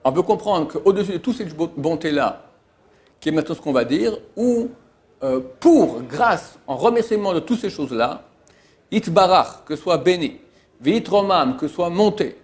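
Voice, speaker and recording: Male rabbi, fairly high voice, methodical line-by-line prayer teaching with stressed key words. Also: expressive, moderate pace, darkish tone. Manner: translates Hebrew phrase by phrase, stressing key words. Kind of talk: religious lesson, line-by-line translation.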